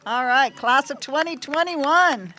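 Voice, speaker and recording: Lady calling out grad names one by one, slow and careful, voice a bit on the high side. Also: noisy background. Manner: slow, measured, pausing between each name. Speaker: ceremony announcer. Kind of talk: reading out graduate names.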